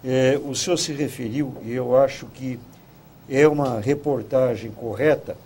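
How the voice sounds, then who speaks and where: A man speaking as a guest commentator in a talk show debate, measured and formal. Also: medium pitch, fairly even intonation, darkish tone, a little hiss or hum.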